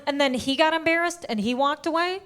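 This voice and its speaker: A young adult woman performing a stand-up comedy set on stage, telling brash stories fast with punchy punchlines. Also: high voice, fairly bright tone. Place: stage before a live audience.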